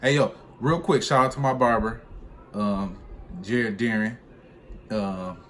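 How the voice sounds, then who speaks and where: Speaking slowly in a fairly low voice, a young man who drives trucks recounts something that happened to him for a vlog. His retelling is casual, full of slang and lively, and the room noise is obvious.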